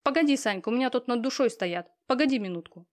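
A woman's voice: a little high, animated, fast, pitched above the performer's own voice, lightly acted. A woman reading an audiobook, voicing a busy middle-aged mother who is curt and businesslike on the phone. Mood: pushy.

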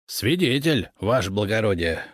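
A man voicing a loud, eager, burly city policeman in a storybook reading. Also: very animated, moderate pace, no room sound, studio quality. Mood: eager, booming. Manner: booming and eager.

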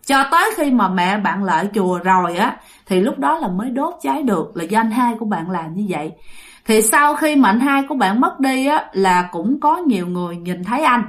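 A woman's voice: medium pitch, expressive, moderate pace, a bit bright. A woman with a Southern Vietnamese accent telling a ghost story, chatty and speaking straight to her listeners. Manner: chatty, addresses listeners directly.

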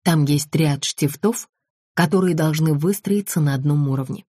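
Woman reading as a steady former policewoman. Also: sits low, normal speed, breathy edge, no echo, clean studio sound. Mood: explaining. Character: former police constable woman, calm and resourceful.

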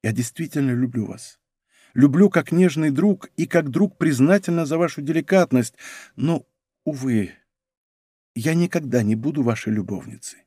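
A hushed, earnest young marquise from a period audiobook, as a male narrator reads her. The voice sits at a middling pitch and sounds close and dry, with no room around it. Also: animated, moderate pace, slightly rough, dry recording. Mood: tender. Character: young noble marquise, tender and devoted.

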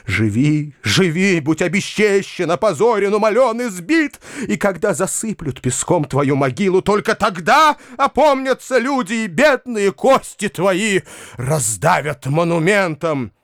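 A man reading a hysterical, self-pitying hanger-on in a spoken story, who keeps wailing and declaiming in a voice pitched well above his own and swinging wildly up and down. The sound is close and dry. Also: lively intonation, measured pace, fairly bright tone, no echo, heavily acted.

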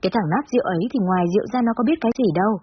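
Woman voicing a shrill whiny older mother, rapid, high-pitched, storybook reading. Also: expressive, dull audio, a little hiss or hum, natural voice. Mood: griping.

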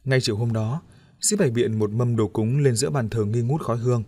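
A man narrating an audiobook tale in a steady, even way. His voice sits at an ordinary pitch. The recording is dry and close to the mic, with no room sound. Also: brisk, no echo, faint music behind. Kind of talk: storytelling narration.

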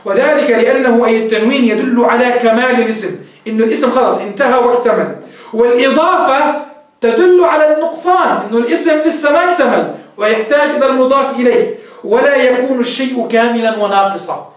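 A man's voice: extremely high pitch, fast talker. A man teaching a grammar lesson, reading from a text and explaining it step by step in a mix of formal and colloquial speech. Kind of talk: recorded lecture. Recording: echoey room, distant mic.

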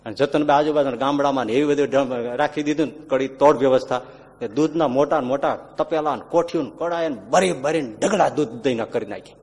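A man giving a devotional sermon, telling stories animatedly and acting out the characters' lines with sudden loud and hushed swings. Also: mid-range voice, fast talker. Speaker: religious storyteller. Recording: long hall reverb.

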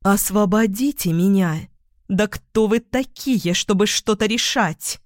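A woman's voice: mid-range voice, slow, no echo, studio quality, close to an everyday voice. A woman voicing a young woman possessed by a demon, haughty and cruel, who turns scornful or sugary in an audiobook. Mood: furious, scornful. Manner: scornful, shifting to sugary flattery.

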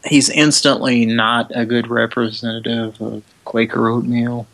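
Casting: male co-host, mid pitch, dry joking asides, heard over a call. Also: level tone, a little slow, creaky, a bit bright, rough recording. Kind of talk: casual chat. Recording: Skype call.

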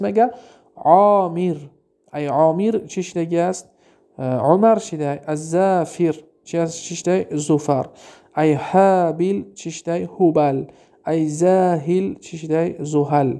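A man with a Tajik accent teaching Arabic grammar, reading example sentences slowly and then quizzing his listeners with questions he answers himself. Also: a little high, warm tone. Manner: asks rhetorical questions and answers them himself. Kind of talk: classroom lesson.

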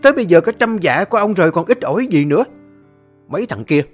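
A greedy old landlord roars his threats in a loud, raised voice, his pitch swinging high, as a man puts him on. He speaks, harsh and domineering. A storybook tyrant who never softens. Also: lively intonation, quick pace, soft background music, natural voice. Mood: furious. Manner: shouting furious threats. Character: greedy cruel old male landlord, bellowing.

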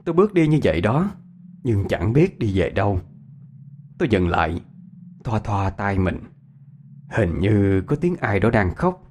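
A man narrating a ghost story in an expressive, dramatic storytelling voice. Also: fairly low pitch, unhurried, pauses often, a little hiss or hum.

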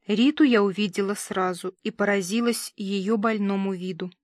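A woman narrates a detective novel in a steady, even storytelling voice. Her pitch is ordinary for a woman. The recording is dry and close, with no room sound. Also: normal speed, no room sound. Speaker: audiobook narrator. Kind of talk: audiobook reading of a detective novel.

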